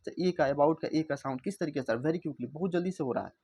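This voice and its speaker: A man's voice: a little high, warm tone, husky. Indian man teaching English words. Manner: reads English slowly then explains in Hindi; repeats words aloud to drill pronunciation. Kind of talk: explaining a vocabulary book.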